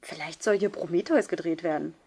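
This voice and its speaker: A woman voicing a playful young woman, a lively and theatrical flatmate. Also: fairly low pitch, brisk, slightly rough.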